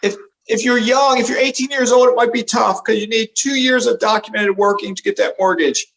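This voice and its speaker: A man's voice: very high-pitched, steady tone, a little fast, gravelly, fairly bright tone, low-quality recording. A man in his fifties hosting a casual interview, affable, repeating facts back to his guest. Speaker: interview host.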